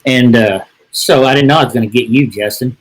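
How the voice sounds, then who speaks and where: A man's voice: medium pitch, a little fast, low-quality recording. A middle-aged man, telling a rambling, folksy story as a podcast guest. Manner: folksy, rambling, with many "and, uh" restarts. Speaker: real estate agent, podcast guest. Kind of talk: casual storytelling.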